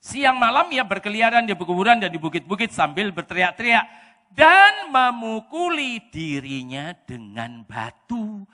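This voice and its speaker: Man, pastor, Javanese-accented Indonesian, sermon, high and wide-ranging voice, shouts in bursts, church hall reverb. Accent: Javanese-inflected Indonesian. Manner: animated, bursts into shouting, mixes in Javanese words. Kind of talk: lively preaching sermon.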